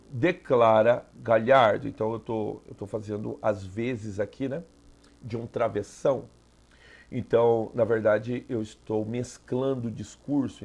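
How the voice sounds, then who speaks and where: A Brazilian man teaches an exam review lesson with a gravelly, slightly fried voice at a mid pitch. He explains step by step and keeps checking in with the listener. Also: darkish tone. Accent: Brazilian Portuguese.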